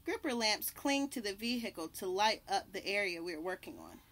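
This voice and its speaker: A young adult woman hosting a children's read-aloud reads a picture book deliberately, stopping to point out and name the pictures. Her medium-pitched voice is expressive and a bit bright, recorded outdoors on a house porch near trees with birds chirping and light outdoor background noise.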